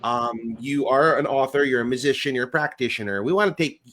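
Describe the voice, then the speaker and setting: A man's voice: mid-range voice, brisk, fairly bright tone. A man hosting a podcast interview, asking questions in a casual, upbeat way. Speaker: podcast host.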